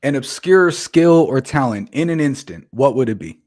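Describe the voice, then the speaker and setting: Lively mid-pitched man in his thirties. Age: 30s. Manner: upbeat, quick to laugh. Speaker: podcast host. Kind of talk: casual chat.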